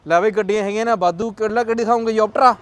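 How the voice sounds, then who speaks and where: A man's voice: sits high, steady tone, rapid-fire, a bit bright. A man with a Punjabi accent hosting a casual car vlog with hearty, chummy banter, calling out prices like a hawker. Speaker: video host. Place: outdoor car yard by a road.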